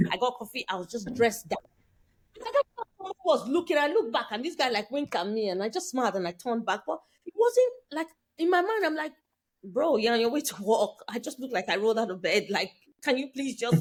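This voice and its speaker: A woman from Nigeria co-hosting a casual chat, telling stories with lots of quoted dialogue. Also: sits high. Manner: animated storytelling with quoted dialogue. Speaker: co-host.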